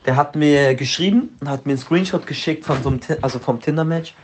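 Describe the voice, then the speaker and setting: A man's voice: on the high side, fast talker, slight background noise. Laid-back man telling an anecdote. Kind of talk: casual discussion.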